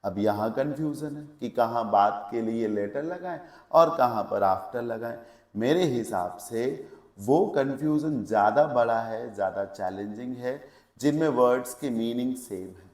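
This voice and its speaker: A man's voice: medium pitch, measured pace, a little mellow, reverberant. A male English teacher giving a lecture, explaining step by step and checking with questions, mixing English words into his Hindi. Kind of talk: classroom lecture.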